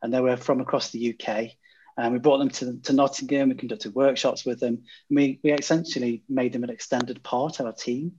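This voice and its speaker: A man's voice: mid-range voice, steady tone, fairly quick, darkish tone, breathy edge. A man guest, a design consultant, telling a project story in a conversational way, with many "uh" fillers and restarts. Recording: dull lo-fi audio.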